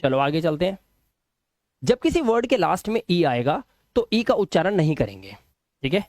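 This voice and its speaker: A man gives an English phonics lesson, repeating each sample word slowly and patiently. His pitch swings widely as he stresses the vowel sounds, and he often stops to ask whether it is clear. The sound is close and dry, with almost no room echo. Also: very animated, a little mellow. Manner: explains patiently, repeats words slowly and asks checking questions. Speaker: English teacher.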